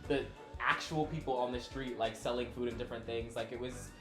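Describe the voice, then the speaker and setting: A man's voice: mid-range voice, fairly even intonation, fairly quick. Man chatting casually in an echoey room. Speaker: actor guest on the show. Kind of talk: casual chat. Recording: roomy echo, music behind.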